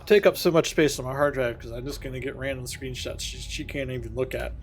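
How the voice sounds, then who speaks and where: A man streaming a space game, thinking out loud in a casual, rambling way and correcting himself as he goes. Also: mid-range voice, fairly quick, background noise. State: has the hiccups. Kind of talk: casual gameplay commentary.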